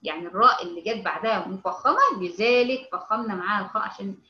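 A woman with an Egyptian Arabic accent teaching a tajweed lesson, explaining slowly, checking often that her students follow, and drawing out each example word. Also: mid-range voice, reverberant, highs cut off. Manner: stretches out example words when reciting them. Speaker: Quran recitation teacher.

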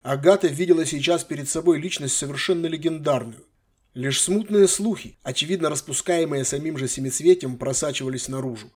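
A man reading a fantasy novel aloud in a measured, expressive way. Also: on the high side. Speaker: audiobook narrator. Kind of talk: scripted fantasy narration.

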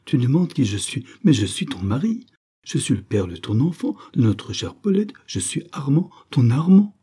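A man's voice: medium pitch, big pitch swings, normal speed, mellow, slightly rough, voice pushed up. A man voicing a scheming count who pleads theatrically with his wife. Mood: pleading.

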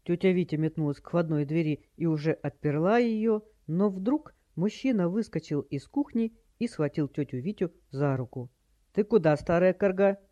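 A mellow, warm narrator reads a children's adventure in a steady storytelling manner. The sound is dull and lo-fi, with little top end. The delivery stays even and clear. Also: medium pitch, normal speed, hardly any pauses, no room sound. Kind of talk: audiobook narration.

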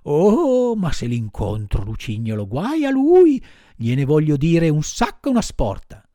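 A man's voice: fairly high pitch, huge pitch swings, a little slow, warm tone, dry recording, pitched above the performer's own voice. A weepy, desperate wooden puppet boy, as a male narrator puts him on wails and pleads in a raised voice. His tone leaps up and down across a storybook reading. The sound is dry and close. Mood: pleading. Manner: wailing, pleading.

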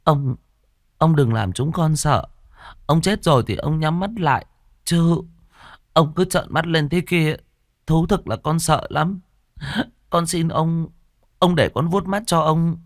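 A man's voice: on the high side, slow pace, long pauses, no room sound, studio quality, pitched above the performer's own voice. A man voicing a timid young maid, trembling and pleading in a spoken storybook.

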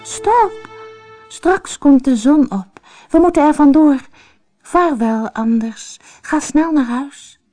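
A woman voicing a regal fairy queen who calls out in a high, urgent voice, in a storybook reading. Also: lively intonation, unhurried, warm tone, no room sound, faint music behind.

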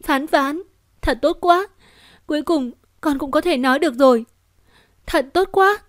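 A woman's voice: fairly high pitch, normal speed, a little mellow, no echo, clean studio sound, lightly acted. A woman voicing a bitter, heartbroken young mother in an audiobook, her lines raised and strained. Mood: tearful joy.

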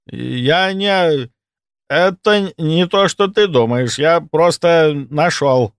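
A shrill, cowardly old morgue orderly, as a male reader puts him on, caught stealing from the dead. He squeals high and loud, whining and snapping in a jumpy voice. The audiobook sound is dry and close. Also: sing-song, moderate pace, no echo.

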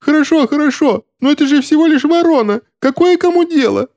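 A man voicing a cowardly gentleman in a fedora with a shrill, squealing, whining voice. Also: flat delivery, moderate pace.

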